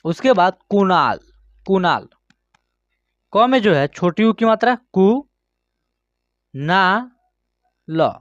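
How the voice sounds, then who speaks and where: High-pitched guy teaching kids to read, super slow, drags out each word, dry dull lo-fi audio. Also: very animated, dry recording. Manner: slow, drawn-out word-by-word pronunciation with frequent check-ins. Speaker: Hindi reading teacher. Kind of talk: online reading lesson.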